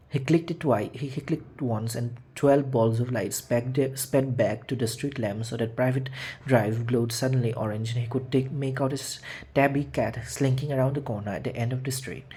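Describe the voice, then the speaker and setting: A man's voice: medium pitch, mellow, slightly rough. A man narrating a children's fantasy audiobook, reading with frequent slips and restarts. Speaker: audiobook reader. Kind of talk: storybook narration.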